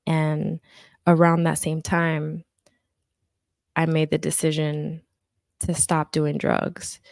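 Low, gravelly-voiced woman life coach. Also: monotone, slow pace, darkish tone, no echo, studio quality. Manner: earnest, faith-centered storytelling. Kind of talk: conversational interview.

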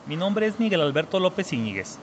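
A man's voice: sits high, very animated, fairly quick, slight background noise. A Mexican man in his thirties, answering interview questions earnestly, often repeating words for emphasis. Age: 30s. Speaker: guest entrepreneur.

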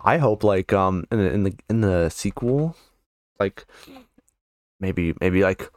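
A young man with a low voice talking casually on a podcast, recorded dry and close. He is relaxed and slangy, tossing in "bro" and "dude" as he goes. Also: takes it slowly, dry recording. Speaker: podcast co-host. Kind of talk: casual chat.

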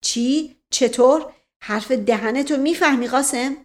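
A woman's voice: high-pitched, close to an everyday voice. A woman voicing a stern, touchy older family patriarch who scolds curtly. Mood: angry. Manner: curt, scolding.

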